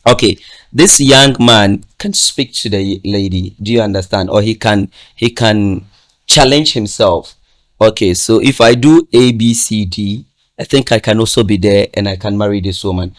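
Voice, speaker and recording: A man's voice: lowish voice, normal speed. A man giving advice in a casual podcast discussion, emphatic and repetitive, checking that listeners follow him. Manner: emphatic, repeats "do you understand?", laughs often.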